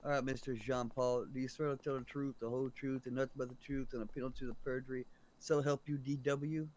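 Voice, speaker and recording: A man acting as judge in a role-play court, brisk and questioning. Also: medium pitch, level tone, darkish tone.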